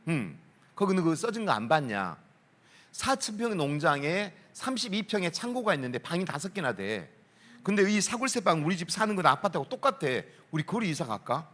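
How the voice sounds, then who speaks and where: A man's voice: on the high side, a little fast. A man, a school principal telling stories at a worship concert, acting out voices and laughing often. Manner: lively storyteller, acts out quoted voices, laughs often. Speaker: school principal giving a talk. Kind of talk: storytelling talk at a worship concert.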